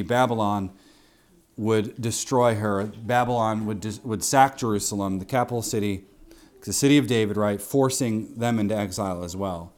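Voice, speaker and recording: A man preaching an expository sermon in a teacherly way, repeating key phrases for emphasis and checking in with his listeners. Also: on the low side. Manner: didactic, with rhetorical questions and asides to listeners.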